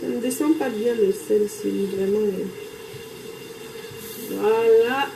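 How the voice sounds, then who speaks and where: A woman's voice: mid-range voice, slow pace, vocal fry, roomy sound, noisy background. A woman from Cameroon with a Cameroonian French accent, chatting casually with viewers on a live stream while cooking in her kitchen, greeting people by name. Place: home kitchen.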